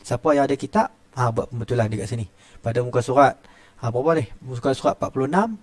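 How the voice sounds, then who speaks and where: This clean studio clip has no room sound and features a middle-aged Malaysian Malay-accented man with a mid-range voice, talking fast and expressively. His tajwid lesson is conversational and classroom-like; he frequently begins with "ha" and shows how each sound is made.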